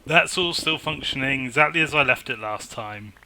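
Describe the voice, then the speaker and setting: Excitable man narrating his gameplay. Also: medium pitch, moderate pace, slight background noise. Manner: excitable, talks to himself while playing. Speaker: gaming YouTuber. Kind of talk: casual Minecraft let's play commentary.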